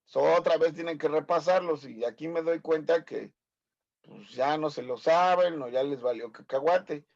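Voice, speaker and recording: A man in his fifties with a Mexican Spanish accent teaches a medical class online, teasing his students, correcting them and asking lots of quiz questions. His voice is a little high, gravelly and a little mellow, at a moderate pace. The audio is dull.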